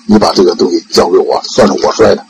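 An older man voicing a kind older boy monk who consoles softly. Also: sits low, steady tone, fast talker, vocal fry, slight background noise. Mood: consoling.

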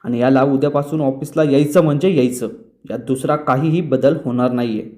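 A man's voice: medium pitch, brisk, mellow, natural voice. A man doing a stern commanding father. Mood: firm. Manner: scolding, commanding. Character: stern middle-aged father, head of household.

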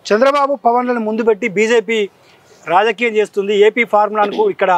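A man's voice: high voice, fast talker, no room sound. A man interviewing a guest, cutting in with short prompts and questions.

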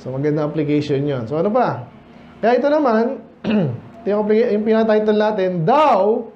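Preaching to a midweek Bible study in a church hall, this pastor from the Philippines talks casually in a blend of English and Tagalog, frequently questioning his listeners. He speaks a little fast, his high-pitched voice expressive. The sound is roomy and dull, with a bit of background noise.

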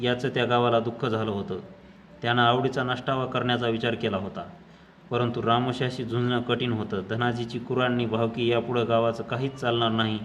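A storyteller with a Marathi accent, reading a village tale aloud in a measured, even way. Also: male voice, medium pitch, slight background noise.

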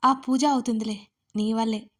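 A woman's voice: fairly high pitch, fairly even intonation, moderate pace, close to an everyday voice. A woman voicing a playful young woman friend who teases and hints with amusement. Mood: teasing. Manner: teasing, amused.

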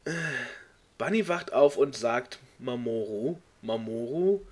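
A man hosting a comedic read-along, reading a clumsy fan story aloud and mocking it with exasperated jokes, sometimes squeaking into high voices for characters. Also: expressive, a little slow. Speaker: video host.

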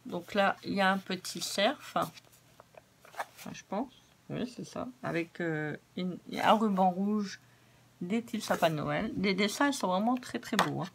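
A hoarse woman talks her viewers through a craft haul in a loose, chatty way, often doubling her words for emphasis. Her voice sits at a middling pitch for a woman, with a faint hiss in the background. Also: measured pace. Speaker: craft vlogger. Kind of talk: casual product haul.

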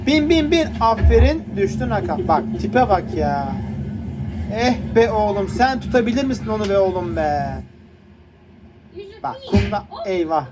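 A man's voice: sits high, lively intonation, unhurried, background noise. A man hosting a reaction video, laughing, cooing and pleading at the funny clips he watches. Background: music from the clips.

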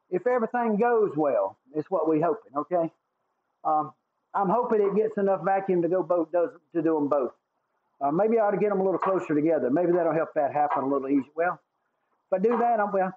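Folksy Southern man on a tinny mic. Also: sits high. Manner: folksy, drawling, thanks viewers often. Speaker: livestreaming guitar builder. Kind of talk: casual livestream chat while working. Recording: tinny phone-like sound with faint noise.

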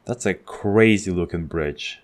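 A man giving casual let's-play commentary, excitable and chatty as he thinks out loud while playing. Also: sits low, a little slow. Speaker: gaming channel host.

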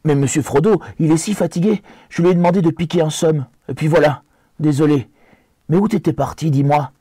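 A man's voice: fairly high pitch, fairly quick, dark tone, breathy edge, no echo, clean studio sound, pitched above the performer's own voice. A man voicing a loyal, plain-spoken young hobbit with earnest, homely speech. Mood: apologetic.

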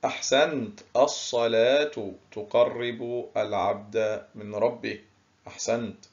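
A male primary school teacher giving a recorded lesson, stretching key words slowly and praising his pupils often. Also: mid-range voice, fairly even intonation, highs cut off. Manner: slow, drawn-out word stress, praising pupils.

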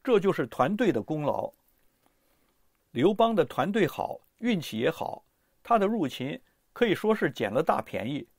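A man narrating a history audiobook in a lively, expressive storytelling manner. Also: on the high side, moderate pace, dry recording, studio quality.

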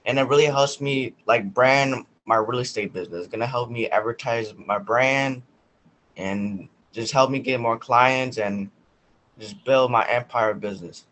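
A teenage boy answering on a student panel in a confident, deliberate way. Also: medium pitch, a bit bright, a little hiss or hum, rough recording. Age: teens.

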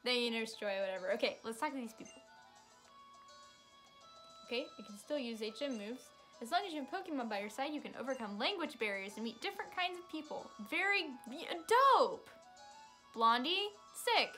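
A woman's voice: fairly high pitch, lively intonation, brisk, sharp tone, soft background music. A young woman giving casual, chatty commentary while playing a video game, with sarcastic asides. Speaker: let's play streamer.

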